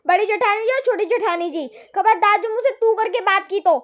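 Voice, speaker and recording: A woman's voice: on the high side, fairly quick, warm tone, voice pushed down, natural voice. A woman playing a touchy young daughter-in-law who complains and grumbles in a homemade family drama. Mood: complaining. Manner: whiny, complaining.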